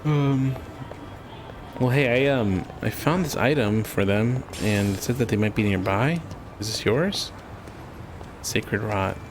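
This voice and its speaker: A man's voice: on the low side, slow, long pauses, noisy background. A man giving casual, joking commentary while playing a video game, often breaking into laughter.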